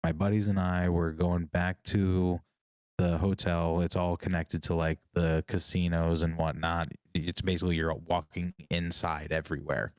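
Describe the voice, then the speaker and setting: A man co-hosting a podcast, telling stories in a casual chat and getting animated when he quotes people. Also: deep voice, moderate pace, dry recording. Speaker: podcast co-host.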